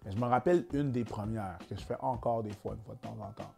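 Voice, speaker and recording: Over loud music, a young Québécois man with a lowish, creaky voice talks quickly as a comedian guest in an interview. He's relaxed and casual, dropping English phrases into his French.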